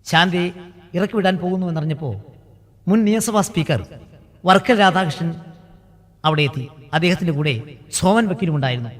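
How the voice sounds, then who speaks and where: A man narrating a devotional story in a measured, emotive and stately way. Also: high voice, expressive. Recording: reverberant, faint music behind.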